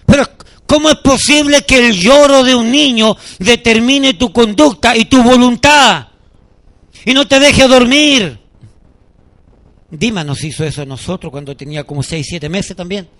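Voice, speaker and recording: A man in middle age delivers a sermon, his voice sitting unusually high and ringing bright. He tells stories as he preaches and acts out the people in them with animated delivery. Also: measured pace. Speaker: pastor.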